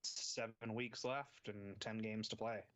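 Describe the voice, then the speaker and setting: A man co-hosting a sports podcast, talking in a steady, laid-back way with dry humor. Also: on the low side, slow pace. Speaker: podcast co-host. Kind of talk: casual sports chat.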